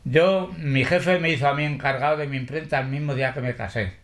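An older man from Spain, interviewed about his past, telling lively stories full of salty slang and quoting others as he goes. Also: medium pitch, a little fast. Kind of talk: oral history interview.

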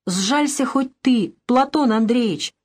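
A woman's voice: mid-range voice, animated, moderate pace, a little mellow, natural voice. A woman voicing a poor old peasant man who pleads plaintively for bread, reading a storybook. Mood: begging.

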